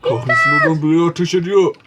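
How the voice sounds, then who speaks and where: A woman's voice: lowish voice, wildly swooping pitch, fast talker, very noisy. A woman role-playing in a game who wails and laments in a melodramatic way. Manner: melodramatic wailing.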